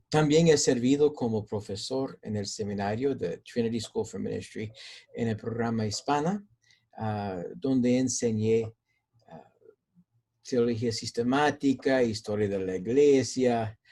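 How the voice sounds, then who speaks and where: A man who works as a pastor and teaches at a seminary answers interview questions in Spanish, his accent a blend of American and Mexican. His voice is mid-range and warm, a little slow, and he hesitates often, with plenty of fillers and repetitions.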